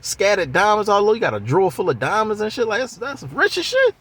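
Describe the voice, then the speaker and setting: A man's voice: sits high, wildly swooping pitch, fast talker, fairly bright tone, husky, pitched above the performer's own voice, exaggerated voice. A man voicing a brash young boy who talks like a grown man, cocky and profane.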